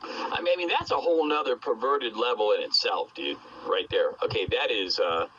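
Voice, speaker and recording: A man's voice: medium pitch, animated, normal speed, fairly bright tone. A man chatting casually over CB radio, opinionated and emphatic, rambling along with coarse swearing. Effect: CB radio transmission. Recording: muffled noisy CB radio transmission.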